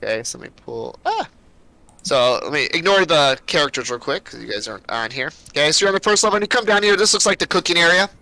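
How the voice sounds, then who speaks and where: A man's voice: fairly high pitch, expressive, fast talker, vocal fry, bright, forceful tone, dry recording, low-quality recording. A man narrating as game master of a tabletop game, rambling loosely with plenty of fillers.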